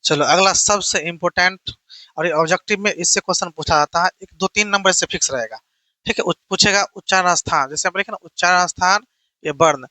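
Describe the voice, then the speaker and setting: High, bright-voiced male teacher. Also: brisk, no echo. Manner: repetitive, keeps checking "theek hai na"; asks and answers his own questions. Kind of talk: exam-prep grammar lesson.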